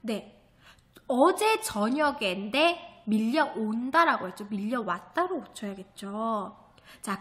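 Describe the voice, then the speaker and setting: A woman teacher with a bright, fairly high voice leads an online reading lesson for children. She explains each step patiently, asks the class questions and then answers them herself. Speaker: elementary school teacher.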